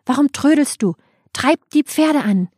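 A woman's voice: sits high, expressive, moderate pace, no echo, clean studio sound, pitched above the performer's own voice. A woman reading an audiobook voices a young male prince who urgently orders his charioteer onward. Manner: urgent, commanding shouts.

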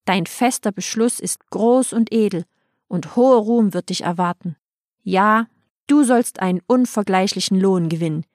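A woman's voice: mid-range voice, moderate pace, a little mellow, no echo, clean studio sound, natural voice. A woman reading an audiobook voices grieving townspeople who plead and praise with a lamenting tone.

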